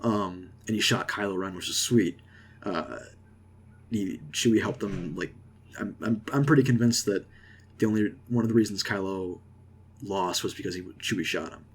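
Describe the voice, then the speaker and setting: A young man casually rambling through an excited movie reaction, with lots of fillers and restarts. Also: low-pitched, normal speed, husky. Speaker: vlogger.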